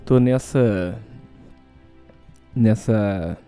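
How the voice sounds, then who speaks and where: A man's voice: fairly low pitch, drawn-out words, warm tone, smooth, faint music behind. A hungover Brazilian man hosting a casual solo show, rambling and hesitant as he talks. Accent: Brazilian Portuguese.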